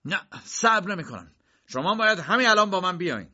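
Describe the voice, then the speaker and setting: A man's voice: lowish voice, lively intonation. A man voicing an uneasy, curt defendant who grows insistent, in a dull lo-fi recording. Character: uneasy, tense male defendant.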